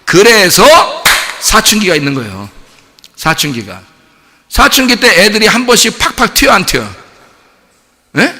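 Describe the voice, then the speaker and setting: A male pastor preaching a sermon in a lively, colloquial way, often asking the congregation rhetorical questions. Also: high-pitched, a little slow, long pauses. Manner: colloquial storytelling with vivid examples. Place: church sanctuary. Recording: long church hall reverb.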